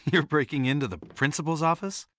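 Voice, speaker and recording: A man's voice: lowish voice, animated, normal speed, fairly bright tone, a little hiss or hum. An actor in his thirties playing an anxious, earnest father, speaking in a hesitant, worried way in a video game. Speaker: father searching for his daughter.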